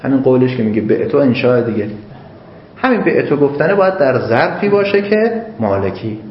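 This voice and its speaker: A man's voice: mid-range voice, big pitch swings. A man lectures a class, and his voice rises and falls a lot as he reasons aloud through examples. The room is echoey and the recording is dull and lo-fi, with a faint hiss behind him. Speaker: seminary teacher.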